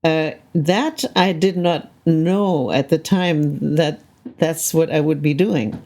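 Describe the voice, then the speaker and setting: In a reflective conversational interview, an older Canadian woman who composes soundscapes speaks thoughtfully, frequently checking in with "right?". Her voice is low and mellow, and she takes her time.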